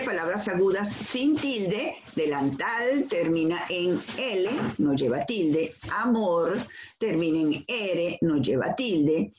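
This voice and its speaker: A woman teacher with a Venezuelan accent giving a school lesson. She explains carefully, stepping through examples and asking questions that she then answers. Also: mid-range voice. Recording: echoey room.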